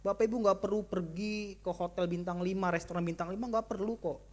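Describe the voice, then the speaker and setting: A male pastor giving a sermon in an animated, joking style, acting out little family skits and calling out to the congregation. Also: high voice, brisk. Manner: jokey, animated preaching with acted-out skits. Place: church hall. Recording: echoey church hall.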